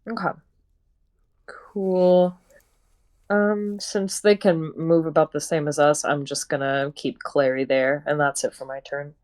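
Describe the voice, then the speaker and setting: A woman's voice: low-pitched, little pitch movement, takes it slowly, darkish tone. A woman player in a tabletop role-playing game, thinking aloud as she picks her moves. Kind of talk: casual game talk.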